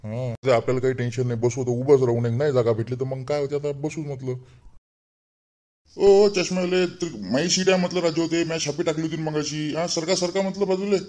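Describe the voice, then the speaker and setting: A chatty, fussy village man, voiced by a man in a cartoon, with a Vidarbha Marathi accent. He rambles and grumbles, half to himself, at a quick clip. His voice sits a little high. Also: steady tone, warm tone, close to an everyday voice. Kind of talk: cartoon voice acting.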